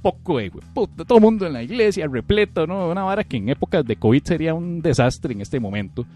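A young man with a Costa Rican accent, co-hosting a podcast and telling stories in an animated way, sometimes jumping into a child's shrill voice. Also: fast talker, soft background music. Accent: Costa Rican Spanish. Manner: animated storyteller, acts out childish shouts. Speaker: podcast co-host. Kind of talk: casual comedic chat.

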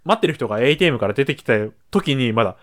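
Man co-host, casual chat, expressive pitch swings, acts out the people in his stories. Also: very fast. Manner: animated storyteller, acts out quoted lines, laughs often. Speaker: podcast co-host and editor.

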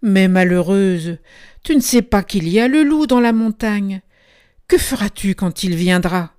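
A woman's voice: medium pitch, expressive, a little slow, a little mellow, smooth, natural voice. A woman voicing an anxious, fussy male farmer in a storybook reading, exclaiming and scolding in agitation. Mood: agitated. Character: anxious, fussy old farmer fretting over his goats.

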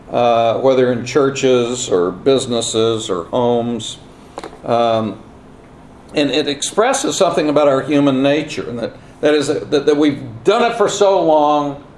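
A man delivers a sermon at a pulpit microphone in an ordinary mid-range voice. He moves in a measured, halting way with deliberate emphasis, as a lecturer would. Background noise runs behind him. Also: mid-range voice, darkish tone, reverberant. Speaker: guest preacher and Bible lecturer. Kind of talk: sermon with scripture reading and prayer. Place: church conference, speaking to seated congregation. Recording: clear background noise, live room.

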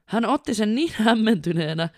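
A woman co-hosting a casual podcast as a flight attendant, excitable, laughing and swearing casually, reading listener stories aloud. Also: mid-range voice, no room sound, clean studio sound.

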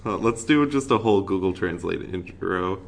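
A man's voice: low voice, animated, normal speed, vocal fry, a little hiss or hum. A man co-hosting a podcast in casual chat, joking dryly and laughing often. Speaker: podcast co-host.

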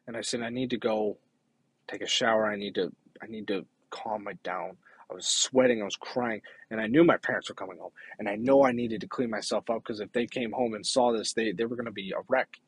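A young man with a husky, somewhat breathy voice tells his own hard story in a halting, earnest way, stopping and restarting his sentences. His voice sits at a middle pitch and is recorded close and dry, with no room sound. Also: expressive, dry recording. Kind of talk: personal testimony.

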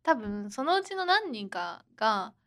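A woman's voice: on the high side, sing-song, a little slow, pushed and bright. A young woman co-hosting a podcast, chatting casually and telling stories with plenty of laughter. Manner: chatty storyteller, laughs often, acts out quotes. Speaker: podcast co-host. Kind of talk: casual chat.

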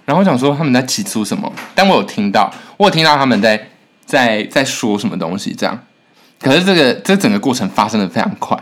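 Fast-talking, with a mid-range voice, this young podcast co-host and singer-songwriter keeps things casual, spinning lively stories and breaking into laughter a lot.

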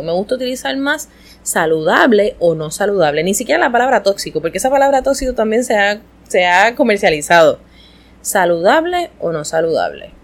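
A woman hosting an educational podcast, explaining in an expressive, conversational way. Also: medium pitch, poor audio. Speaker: podcast host.

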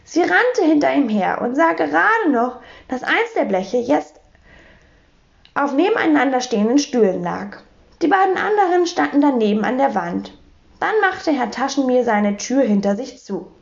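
A woman reads a children's story aloud, her high voice lively and swinging through wide pitch. The recording sounds muffled and lo-fi. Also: moderate pace, creaky. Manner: expressive, animated. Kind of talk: reading a children's book aloud.

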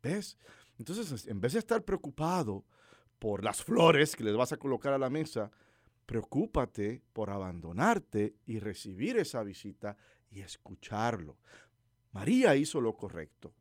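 A male preacher who delivers his sermon like a lively conversation. His pitch rises and falls with a lot of movement, and he keeps turning to the listener with questions. The recording is close and dry, with hardly any room sound. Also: unhurried, dry recording. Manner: animated storytelling preacher, asks listeners questions.

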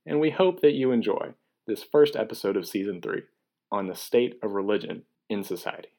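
A man's voice: fairly low pitch, brisk, creaky, dark tone. A young man delivering a scripted podcast introduction in an upbeat, announcer-like way. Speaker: podcast host.

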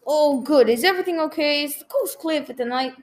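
A woman's voice: high-pitched, a little fast, roomy sound, lightly acted. A woman playing a shifty, businesslike male hired killer in a radio play. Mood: shifty, reassuring.

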